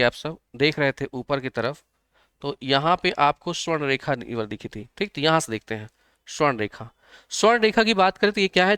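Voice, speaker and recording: Clear-voiced man teaching an online geography class. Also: on the high side, a bit bright, dry recording. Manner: repetitive, checks on students, uses memory tricks. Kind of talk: live online exam-prep lesson.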